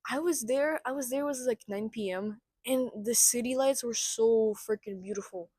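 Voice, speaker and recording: A woman's voice: on the high side, normal speed, mellow, dry recording, poor audio. Chatty young woman, dry close sound. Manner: chatty, full of fillers. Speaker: podcast guest. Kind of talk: casual podcast chat.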